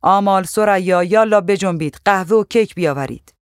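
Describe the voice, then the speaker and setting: A woman's voice: medium pitch, smooth, dry recording, studio quality, lightly acted. A reader voicing a bossy woman barking orders. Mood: ordering. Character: bossy older woman running a household.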